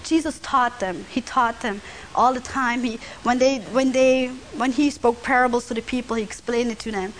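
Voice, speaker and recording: High-voiced woman preaching conversationally. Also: steady tone, moderate pace, slight background noise, rough recording. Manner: conversational, drops to near whisper on quiet lines. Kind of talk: sermon.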